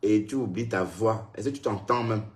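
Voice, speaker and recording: A man with a somewhat low voice talks casually on a live stream. He scolds a critic head-on and turns to his viewers between points, sounding tired from his day. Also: moderate pace, darkish tone.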